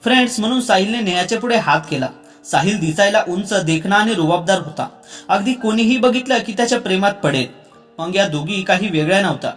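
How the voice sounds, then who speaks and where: A high-voiced man narrating a scripted story, gentle and even. Faint music plays underneath. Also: brisk.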